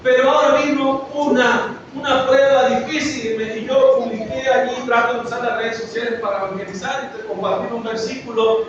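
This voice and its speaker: A man with a very high voice preaches an earnest, story-filled sermon, stretching out key words. He is picked up from far off in a hugely echoing room. The sound is dull and muffled, with steady noise behind him. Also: brisk, few pauses. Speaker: pastor. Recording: echoey, dull, noisy from afar.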